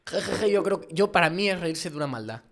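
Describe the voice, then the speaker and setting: Chatty man with a higher voice. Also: fast talker, a little hiss or hum. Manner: jokey, animated storyteller. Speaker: podcast co-host. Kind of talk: casual chat.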